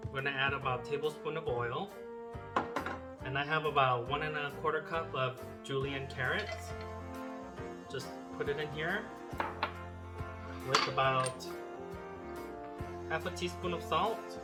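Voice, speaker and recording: Cooking in his home kitchen, a Korean-born man who speaks Korean as his first language hosts a casual tutorial, reminiscing with plenty of fillers. His voice sits on the high side, steady in tone, at a measured pace with long pauses. Loud music plays in the roomy kitchen.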